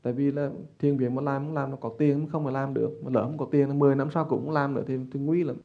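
Gravelly teacher. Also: male voice, medium pitch, quick pace, phone-quality sound. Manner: animated, repeats words while telling the story. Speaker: Buddhist teacher. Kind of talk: storytelling dharma talk.

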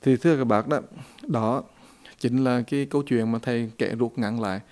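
A man's voice: mid-range voice, fairly even intonation, moderate pace, a little mellow. A man, a Buddhist teacher, telling a story in a folksy dharma talk and addressing listeners directly.

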